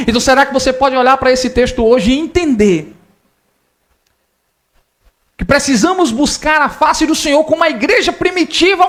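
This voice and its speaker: A man preaching a sermon in church, emotional and direct, often calling listeners brother and rising loud on appeals. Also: very high voice. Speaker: pastor.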